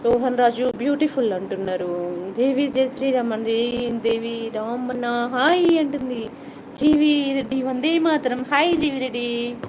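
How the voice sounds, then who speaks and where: A middle-aged woman hosts a live stream, chatting and teasing her viewers as she reads out their comments. Her voice sits a little high, with a slight cough. Steady noise and passing vehicles run behind her. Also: a little slow. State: has a cough.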